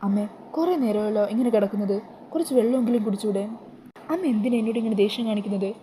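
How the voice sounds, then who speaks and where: A woman's voice: medium pitch, fast talker, mellow, slight background noise, close to an everyday voice. A woman voicing a young woman who pleads with her mother in tears, in a retold TV serial. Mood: tearful pleading. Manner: pleading, distraught.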